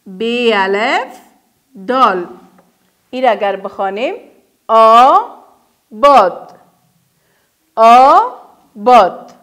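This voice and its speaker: Her voice on the high side and a bit bright, a woman with an Afghan Dari accent teaches first graders to read as their primary school teacher. Drawing out each word with emphasis for the children to echo, she offers frequent praise and fires off quick questions, then supplies the answers herself.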